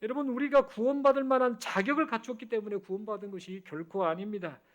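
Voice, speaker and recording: A male pastor preaching a sermon in a church, telling the story with lively expression. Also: sits high, fast talker, dull audio. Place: church sanctuary.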